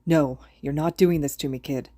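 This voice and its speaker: Brief: woman as a worn-out, sharp-tongued teacher, low and mumbled. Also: steady tone, moderate pace, dry recording, clean studio sound. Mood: urgent. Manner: blunt, swearing, mumbled. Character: exhausted, gruff male teacher.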